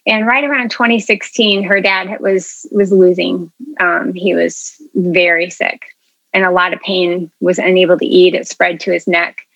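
A woman's voice: on the low side, fairly even intonation, measured pace, fairly bright tone, no room sound, lo-fi sound. A woman telling her story as an interview guest, earnest and chatty, with plenty of ums and you-knows. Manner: earnest, chatty, many fillers. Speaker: interview guest, food media founder.

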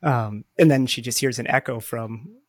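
A male podcast co-host chats casually and tells anecdotes. His voice has a medium pitch and a dry, close sound. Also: moderate pace, no room sound.

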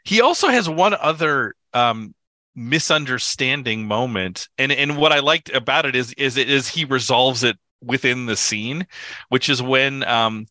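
Bright, enthusiastic male film podcaster. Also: medium pitch, a little slow, dry recording. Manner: enthusiastic, animated retelling. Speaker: podcast co-host. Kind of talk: casual film discussion.

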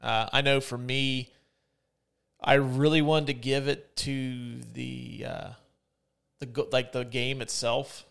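A man's voice: mid-range voice, flat delivery, slow pace, vocal fry, a bit bright, clean tone. A man hosting a podcast, chatting casually in a loose, profane way and often dropping into mock voices. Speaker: podcast host. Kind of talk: casual chat.

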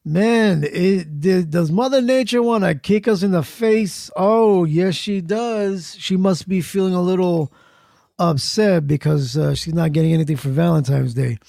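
A man hosts a casual morning podcast in a fairly high, mellow voice with plenty of gravel. His patter is playful and jokey. The sound is dry. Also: measured pace, dry recording, soft background music. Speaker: podcast host.

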